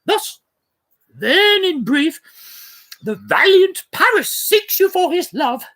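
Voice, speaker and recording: A woman voicing a composed noble mother who speaks in a measured, formal and persuasive way, in a theatrical play reading. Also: very high voice, sing-song, fairly bright tone, full character voice.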